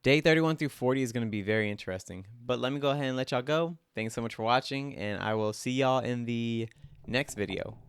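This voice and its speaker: A man's voice: mid-range voice, brisk, clear, resonant tone, no echo. A young man casually talking through his own drawings as host, rambling and self-critical, with lots of "like" fillers. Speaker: artist and channel host.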